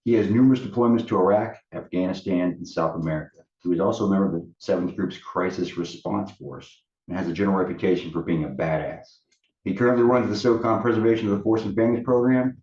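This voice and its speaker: A man's voice: deep voice, darkish tone. A man co-hosting a podcast and introducing a guest, recorded with an echoey, distant sound from an audio fault. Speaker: podcast co-host. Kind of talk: casual podcast chat. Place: pub used as offsite studio. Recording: echoey, dull, distant mic.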